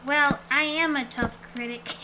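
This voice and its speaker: A woman streaming a game with casual, rambling, playful commentary in a cute anime-streamer manner. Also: high-pitched. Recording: clearly noisy background.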